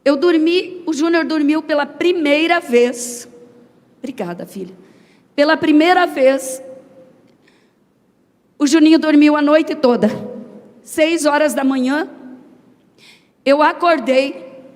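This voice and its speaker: A woman's voice: high voice, slow pace, pauses often, a little mellow. A woman giving an emotional personal testimony, telling a family story and acting out the voices she quotes. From Brazil. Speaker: testimony speaker. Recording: long hall reverb.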